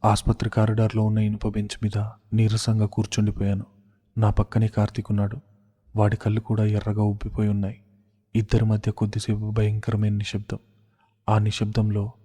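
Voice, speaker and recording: A man narrating a scripted family audio story in a flat, solemn way. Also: on the low side, a little fast, slightly rough, big-room sound.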